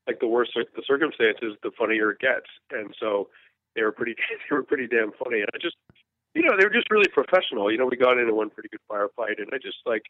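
An American war journalist in his fifties tells his story in an interview, frank and earnest, often restarting sentences. His medium-pitched voice is lively in intonation and fast. The recording is dry with a tinny phone-line sound.

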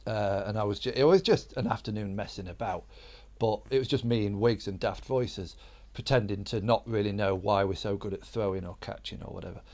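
A man's voice: lowish voice, brisk, few pauses, darkish tone. A man from Sheffield, a comedian guest telling a rambling, self-deprecating story in casual chat. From Sheffield, England.

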